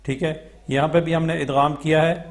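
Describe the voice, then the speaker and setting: A Pakistani man teaching Quran reading, spelling words out syllable by syllable in a slow chant and then explaining the rules quickly in Urdu-accented speech. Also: a little high, flat delivery.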